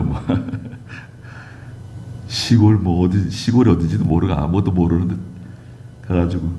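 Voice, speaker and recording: Man, Korean pastor, sermon, low-pitched, warm tone, conversational asides, emphatic preaching. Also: a little hiss or hum. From South Korea. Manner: chatty asides to the congregation, rising to emphatic preaching. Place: church sanctuary.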